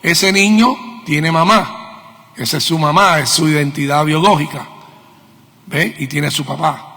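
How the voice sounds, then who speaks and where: In a church meeting hall full of long reverb, a middle-aged preacher from Cuba delivers a sermon in Cuban-accented Spanish. His sharp-toned voice is slightly high and unhurried, and he drives points home with questions and repeated key words.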